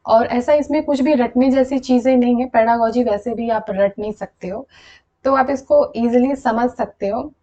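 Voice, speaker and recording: Young female teacher, bright higher voice, patient explainer, muffled lo-fi recording. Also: moderate pace. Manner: explanatory, repeats "thik hai" to check in. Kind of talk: exam-prep lesson.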